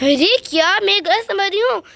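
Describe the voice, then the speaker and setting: A woman's voice: extremely high pitch, animated, moderate pace, creaky, fairly bright tone, heavily acted. A woman voicing a hurt village wife in a doll story, scolding and tearful as she accuses her husband. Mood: furious.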